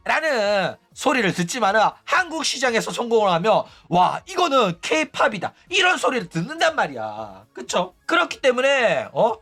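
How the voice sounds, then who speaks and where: A man's voice: very high voice, bright, forceful tone. A man hosting an online news channel, giving opinionated, mocking commentary full of rhetorical tag questions. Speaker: host of a VTuber news channel.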